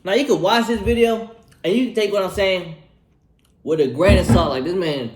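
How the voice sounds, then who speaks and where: A man's voice: sits high, normal speed, noisy background. A man in his twenties giving casual life advice in a slangy, laid-back way, repeating himself and tagging lines with "bro" while he eats. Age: 20s. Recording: echoey room.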